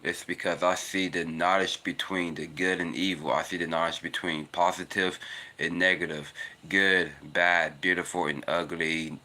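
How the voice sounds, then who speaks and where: A vlogger in his twenties with a naturally deep voice muses about faith in a casual spiritual monologue while walking outdoors in cold weather. He rambles earnestly, repeating "it's because," at a moderate pace in a steady, sharp tone.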